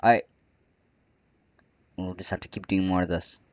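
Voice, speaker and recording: A man's voice: low-pitched, completely flat delivery, fast talker, a little mellow, highs cut off. A man with the hiccups, chatting casually over gameplay, with a bit of playful trash talk. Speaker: gaming channel host. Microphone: close desk microphone.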